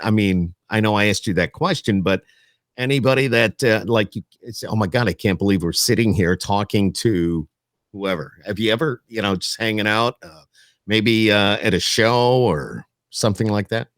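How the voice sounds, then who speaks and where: A podcast host with a fairly low-pitched voice chats casually with his guests in an interview, often echoing his own agreement. The recording is studio quality.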